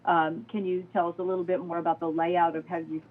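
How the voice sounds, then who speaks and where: Woman reporter firing off direct questions over a bad phone connection, tinny and far away, lowish voice. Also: flat delivery, fast talker, a little hiss or hum. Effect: bad phone connection, distant and breaking up. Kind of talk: press briefing question. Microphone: phone call.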